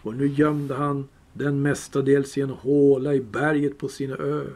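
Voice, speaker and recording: A man reading a fantasy novel aloud in a calm, measured storytelling voice. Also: mid-range voice. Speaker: reader. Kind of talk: audiobook reading.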